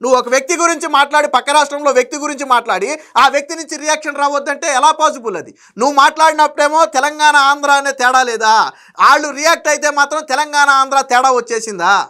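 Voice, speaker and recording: A man's voice: very high voice, fast talker, bright, forceful tone. A man giving a heated political monologue, combatively firing rhetorical questions at someone who isn't there. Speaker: political commentator.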